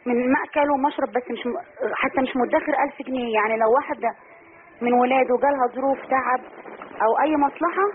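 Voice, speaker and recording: High-voiced Egyptian woman on the phone. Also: rapid-fire. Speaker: caller to a religious programme. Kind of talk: colloquial explanation of a personal problem. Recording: narrow hissy telephone line.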